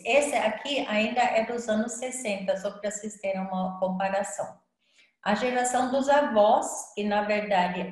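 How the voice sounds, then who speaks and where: An older woman giving a casual live talk on astrology as the presenter, speaking conversationally and often adding little tag questions and fillers. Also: mid-range voice. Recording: very roomy sound.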